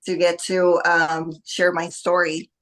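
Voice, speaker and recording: A woman's voice: fairly low pitch, completely flat delivery, slow, fairly bright tone. A woman from Costa Rica, a guest on a podcast, talking casually with many fillers. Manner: hesitant, many fillers, laughs easily. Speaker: podcast guest, bodybuilding athlete. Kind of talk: casual interview.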